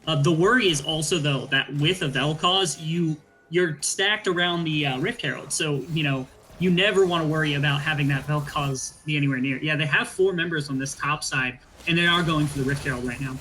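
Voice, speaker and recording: Dude breaking down esports plays, bright voice, lots of ums and uhs. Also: male voice, fairly high pitch, brisk, hardly any pauses, poor audio. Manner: analytical, with frequent ums and uhs. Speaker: color commentator. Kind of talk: esports analysis commentary.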